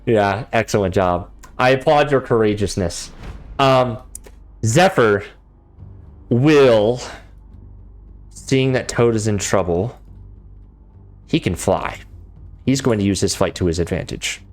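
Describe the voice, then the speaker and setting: A man's voice: on the low side, slow, pauses often. A man running a tabletop game as game master, talking casually with many fillers and restarts.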